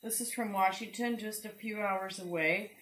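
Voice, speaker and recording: A middle-aged woman hosting a casual home cooking demonstration, chatty and unhurried with lots of ums. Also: mid-range voice, steady tone, fairly bright tone. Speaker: cooking show host. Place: home kitchen, indoors. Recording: roomy kitchen with sizzling pan. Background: frying and sizzling food.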